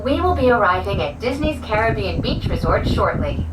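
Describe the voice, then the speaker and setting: A woman giving a polished, welcoming recorded ride announcement, played over a cabin loudspeaker. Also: medium pitch, big pitch swings, normal speed, far from the mic. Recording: echoey loudspeaker heard from afar with loud vehicle noise.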